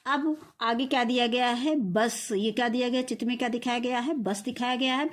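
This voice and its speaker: A woman's voice: a little high, steady tone. A woman teacher giving a recorded reading lesson for young children, sounding out words syllable by syllable and answering her own questions. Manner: slow syllable-by-syllable spelling out words; asks questions and answers them herself. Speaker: primary school teacher.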